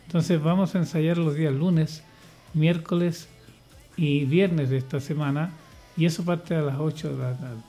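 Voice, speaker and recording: With faint music behind him, an older man from Chile talks a little slowly in a steady, mellow, slightly high voice. As a radio guest who leads a church choir, his casual chat wanders, stalls and restarts, packed with fillers.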